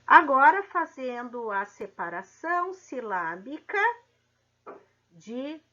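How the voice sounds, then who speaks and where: A woman teaching a literature lesson, spelling out poetic syllables slowly and checking in with the class. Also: high voice, very animated, bright, forceful tone, muffled recording. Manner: slow, drawn-out syllable counting with frequent "tá?".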